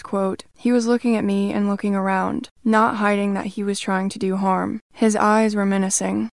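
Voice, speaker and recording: Female narrator for true crime, even read, little pitch movement, dead-dry room. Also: no room sound. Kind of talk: scripted narration.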